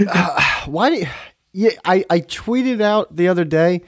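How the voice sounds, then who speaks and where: A man's voice: sits high, lively intonation, a little slow, no room sound, studio quality. A man hosting a podcast in casual chat, rambling and joking with lots of filler words. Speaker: podcast host.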